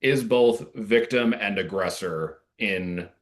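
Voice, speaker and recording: Interviewed as a playwright and actor, a man with a fairly low voice talks casually and earnestly, his phrasing halting and full of "like."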